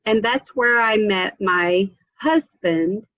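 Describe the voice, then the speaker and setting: A middle-aged woman from Memphis speaks as an interview guest. She talks slowly and earnestly, often repeating herself. Her audio sounds dull and lo-fi, dry and close. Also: medium pitch, fairly bright tone, dry recording. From Memphis, Tennessee. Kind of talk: casual interview chat.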